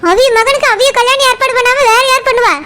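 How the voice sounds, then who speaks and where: A woman voicing a sharp-tongued village wife in a cartoon, scolding her drunk husband fast and exasperated, with a Kanyakumari Tamil accent. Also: very high-pitched, fairly even intonation.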